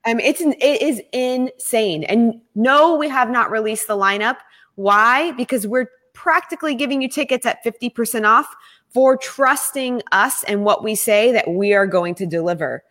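A woman's voice: on the high side, normal speed, fairly bright tone. A woman co-hosting a casual talk show, speaking earnestly and persuasively about giving and an upcoming event. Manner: earnest, persuasive, sales-minded. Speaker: podcast co-host. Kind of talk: casual promotional chat.

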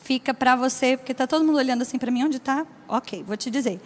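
A woman with a Brazilian Portuguese accent preaching a sermon to women, emphatic and warm, often asking the crowd for an "amen". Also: high voice, quick pace. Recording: long hall reverb.

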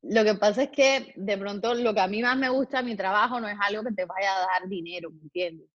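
Her answers come slowly and reflectively, full of fillers and restarts, as this woman, a public figure, is interviewed as a guest. She speaks at medium pitch, with no room sound and the high frequencies cut off.

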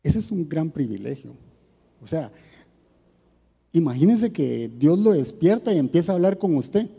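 A man's voice: a little high, sing-song, moderate pace, gravelly, dark tone, breathy edge, in a large hall. A man giving a conversational sermon, often putting rhetorical questions to his listeners. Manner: asks the audience rhetorical questions. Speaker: preacher.

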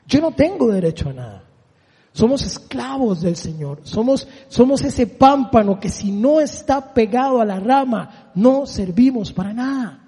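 Husky high-pitched guy preaching a sermon, asks the crowd questions, echo of a big hall. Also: expressive, unhurried, warm tone. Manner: emphatic, asks the audience rhetorical questions. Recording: long reverb of a large hall.

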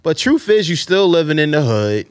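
A man's voice: fairly high pitch, sing-song, normal speed, no echo. A man hosting a casual podcast chat, talking in slang and driving points home with repeated rhetorical questions. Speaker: podcast host.

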